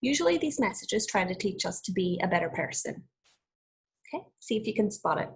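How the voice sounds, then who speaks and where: A woman with a very husky, breathy, medium-pitched voice reads a fable the way a teacher would for young children. She's expressive and deliberate, explaining as she goes and asking the listener questions.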